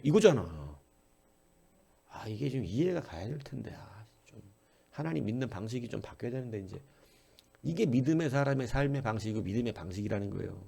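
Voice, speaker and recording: A male pastor delivering an early-morning sermon in a lively, wide-ranging voice that carries a gravelly rasp. He swings from loud exclamations down to near-murmurs. He piles rhetorical questions on his listeners. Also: medium pitch.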